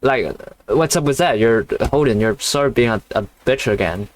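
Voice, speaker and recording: A man's voice: mid-range voice, moderate pace. A man reading a novel aloud on his channel, stumbling over words and breaking off for casual commentary full of offhand swearing. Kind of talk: casual read-along with commentary.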